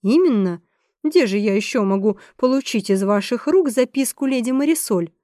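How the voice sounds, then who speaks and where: A woman's voice: on the high side, animated, moderate pace, warm tone, no room sound, lightly acted. Woman doing a smug flirty rogue guy, teasing, dry close recording.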